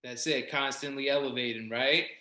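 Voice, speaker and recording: A man's voice: medium pitch, steady tone, moderate pace, sharp tone, reverberant. A man hosting a podcast, asking questions with effusive, slangy praise. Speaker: podcast host. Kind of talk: casual interview.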